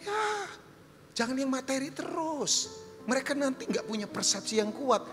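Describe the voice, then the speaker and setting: A male pastor preaching a sermon, animated and humorous, jumping high for questions and quoted voices and dropping low and soft for appeals. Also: normal speed, music in the background. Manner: humorous storytelling with asides to the congregation. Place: large church hall. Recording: long hall reverb.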